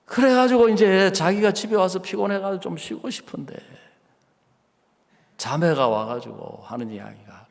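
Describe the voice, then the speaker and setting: A pastor telling a sermon story and acting out both sides of the dialogue. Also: male voice, high voice, normal speed, vocal fry. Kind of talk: sermon with acted-out anecdote. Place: church sanctuary. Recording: long church reverb.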